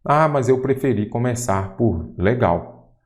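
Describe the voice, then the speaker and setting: A man's voice: mid-range voice, animated, a little slow. A middle-aged man with a Brazilian accent, a Portuguese teacher going through exam questions, asking rhetorical questions and stretching out the answers.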